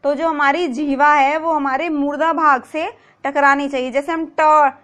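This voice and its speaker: A woman's voice: high voice, fairly even intonation, measured pace, fairly bright tone. A woman teaching a grammar lesson, patiently repeating example words and asking rhetorical questions. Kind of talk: explanatory video lesson.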